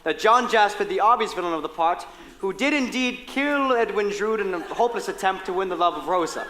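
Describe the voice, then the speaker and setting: An actor playing a jovial, pun-cracking music hall compere, booming at the audience from a theatre stage. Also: male voice, animated, fairly quick, sharp tone. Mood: mock-grave. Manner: booming, jokey, audience-goading. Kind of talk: live theatrical comic patter.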